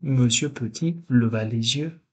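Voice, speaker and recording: A man reading a children's storybook aloud in a slow, gentle storytelling manner. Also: mid-range voice. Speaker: storybook reader.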